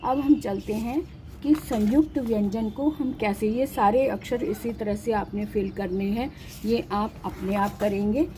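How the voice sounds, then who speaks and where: A woman's voice: mid-range voice, measured pace, mellow, a little hiss or hum, rough recording. A woman teaching a patient, step-by-step lesson, saying each syllable twice. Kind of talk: slow step-by-step Hindi lesson.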